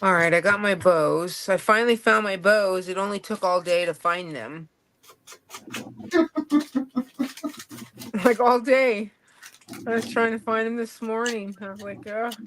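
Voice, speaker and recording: A woman's voice: mid-range voice, measured pace, long pauses, background noise. Chatty woman hosting a craft livestream. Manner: chatty, playful, reads out viewers' names. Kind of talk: casual chat on a live stream.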